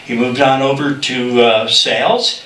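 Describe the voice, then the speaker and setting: An older man reminisces in an anecdotal introduction speech, halting as he goes. His voice is bright and forceful, picked up from a distance in an echoey room. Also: mid-range voice, steady tone. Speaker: ceremony presenter. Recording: echoey room, distant mic, faint noise.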